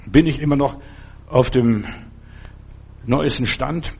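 A man's voice: medium pitch, slow, vocal fry, darkish tone, slightly rough. A man preaching a sermon and reading a Bible story, talking in an earnest, fatherly way straight to the listener.

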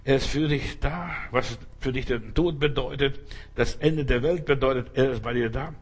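A man's voice: mid-range voice, moderate pace, slightly rough. A man preaching a fervent sermon, repeating his points and calling out Hallelujah.

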